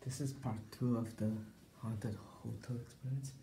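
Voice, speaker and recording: Nervous hushed young man, echoey room. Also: mid-range voice, fairly even intonation, normal speed, gravelly. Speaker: vlog host. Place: small hotel room and entryway, indoors. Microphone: handheld phone camera. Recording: echoey hotel room, noisy handheld recording.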